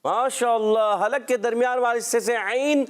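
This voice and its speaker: A male Quran teacher with a high, smooth and resonant voice, leading a children's pronunciation lesson. He speaks patiently and encouragingly and stretches each letter sound out slowly for the class to repeat. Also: steady tone.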